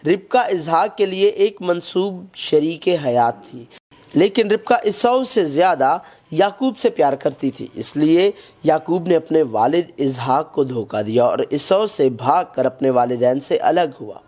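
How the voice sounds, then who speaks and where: A man reading a scripted Bible lesson in a measured, even way, quoting scripture as he goes. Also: fairly high pitch. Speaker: Bible study narrator.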